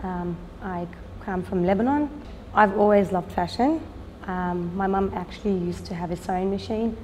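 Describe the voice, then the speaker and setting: A woman in her thirties talks about her work in an interview, earnest and unhurried, often pausing on "um". Her voice sits mid-range, and the room has a long reverb with faint background noise. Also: mid-range voice, mellow. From Australia. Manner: earnest, unhurried, with frequent "um" pauses. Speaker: fashion designer and business owner. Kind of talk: documentary interview.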